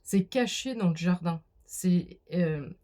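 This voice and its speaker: A woman's voice: fairly low pitch, takes it slowly, warm tone. A woman doing a casual spoken card reading, talking straight to the viewer with many fillers and restarts. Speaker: card reader.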